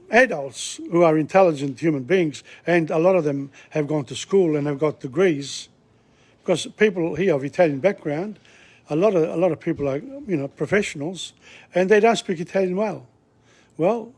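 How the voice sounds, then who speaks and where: A man's voice: fairly high pitch, normal speed, darkish tone. A man teaching an informal language lesson, talking in a rambling, digressive, chatty way. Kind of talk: casual spoken lesson. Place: Australia.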